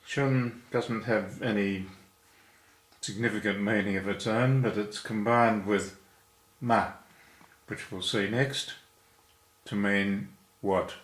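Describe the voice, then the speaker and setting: A man with a fairly low voice walks through a lesson at an unhurried pace. He explains each step with patience. The room around him rings with echo. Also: steady tone. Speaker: language teacher.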